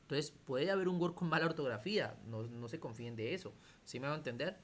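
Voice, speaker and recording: A man's voice: on the high side, lively intonation, fast, a bit bright. A man teaching a computer class over a video call, explaining step by step and often checking that students follow. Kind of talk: online class lecture.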